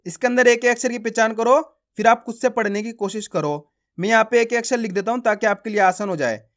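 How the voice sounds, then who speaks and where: A man's voice: high-pitched, quick pace, fairly bright tone. A man teaching beginners to read, sounding out each syllable and then blending it into the whole word, and coaxing viewers he calls friends. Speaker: Hindi reading teacher. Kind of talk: syllable-by-syllable reading lesson.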